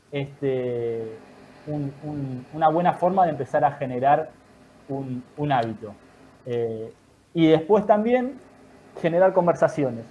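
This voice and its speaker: A man, a guest in an online talk, giving calm, thoughtful advice in measured explanatory phrases. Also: on the high side. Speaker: guest speaker.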